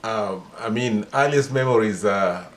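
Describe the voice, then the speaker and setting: A man in his sixties with a Kenyan accent and a fairly low voice talks through a relaxed family interview. He pauses often and fills the gaps with "uh" as he feels for the right words. His answers come out steady and unhurried. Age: 60s. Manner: hesitant, many pauses and "uh" fillers. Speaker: interviewee, father.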